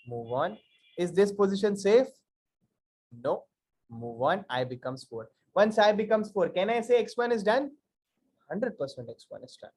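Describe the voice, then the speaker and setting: High-pitched North Indian man teaching, emphatic. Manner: emphatic, repetitive, quizzing listeners with rhetorical questions. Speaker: programming teacher. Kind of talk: interactive live coding lecture.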